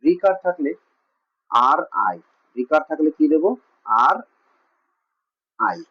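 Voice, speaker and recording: This classroom lesson is delivered slowly by a man whose voice sits on the high side, bright and forceful with lively intonation. Speaking with a West Bengal Bengali accent, he asks questions, answers them himself, and repeats things often; the recording is muffled and lo-fi.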